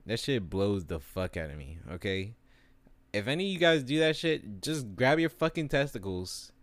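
Deep-voiced young man ranting. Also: very animated, normal speed, no room sound. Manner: crude, rambling, exasperated, many fillers. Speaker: vlogger. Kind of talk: profane comedic rant to camera.

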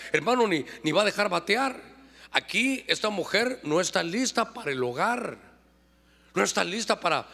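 A man's voice: high voice, sharp tone. A middle-aged man preaching a sermon as pastor, calling out to the congregation and drawing them into call-and-response. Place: church. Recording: long church-hall reverb.

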